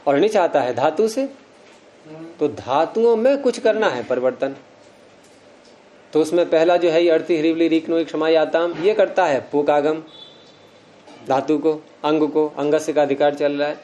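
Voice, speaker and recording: A man lectures a roomful of students on grammar, working through each rule patiently and stopping to put questions to the class. His voice sits a little higher than most men's but has a soft, mellow tone. It's an unhurried classroom lecture. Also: dull audio. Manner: explains step by step, quizzes students. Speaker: Sanskrit grammar teacher.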